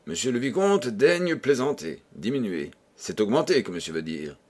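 A man's voice: medium pitch, sing-song, normal speed, a little mellow. A man reading the part of a flustered, pleading middle-aged concierge in an audiobook. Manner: pleading, stammering protest.

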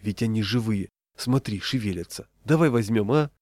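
A man voicing a dreamy, excitable city man who sighs and mutters, then bursts into excited shouts. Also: on the low side, moderate pace, no echo, close to an everyday voice. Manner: sighing exclamations, sudden excited shouts. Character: dreamy, excitable middle-aged man, easily distracted.

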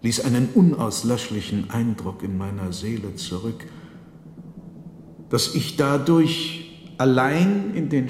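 Slow, low-voiced male narrator. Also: darkish tone. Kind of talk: scripted literary reading for radio. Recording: roomy with long reverb, faint noise.

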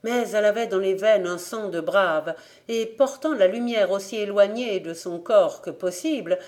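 A woman narrating a classic novel as an audiobook, her voice mid-pitched and even. She reads in a steady, measured way, letting each sentence land in turn. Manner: steady, measured literary reading. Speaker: volunteer audiobook reader.

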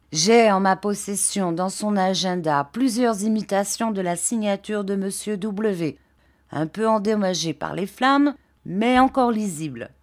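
A woman voicing a pompous middle-aged gentleman who declaims an accusing letter in a florid manner. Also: medium pitch, natural voice.

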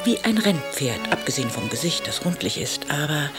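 An actress playing a witty woman novelist, reading her letters in a dry, ironic, softly spoken voice over faint music. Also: deep voice, sing-song, moderate pace. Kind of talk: radio drama reading of letters.

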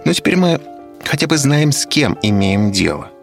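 A man with a deep, creaky voice playing a stern professor who gives brisk, authoritative orders in an audiobook. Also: big pitch swings, soft background music. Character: stern commanding middle-aged male professor.

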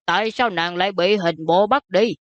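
A woman's voice: lowish voice, moderate pace, no echo, highs cut off, lightly acted. A woman doing a grumpy older prince.

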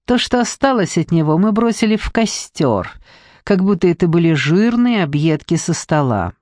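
A man's voice: high-pitched, lively intonation, moderate pace, darkish tone, dry recording, studio quality. A man reading an audiobook, voicing a spiteful young female nymph sorceress with hissing, sneering taunts. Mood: venomous.

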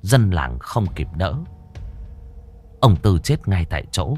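Deep-voiced male storyteller, lively, dramatic pitch swings, suspenseful ghost-story read. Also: slow pace, husky.

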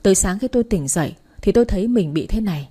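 A woman's voice: mid-range voice, animated, fast talker, warm tone, slightly rough. A woman narrating a dramatic story in the first and third person, voicing all the characters herself.

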